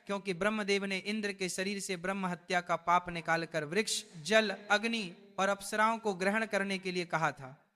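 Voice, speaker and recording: A man narrating a devotional story in a formal, even scripted style. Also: high-pitched, clean tone.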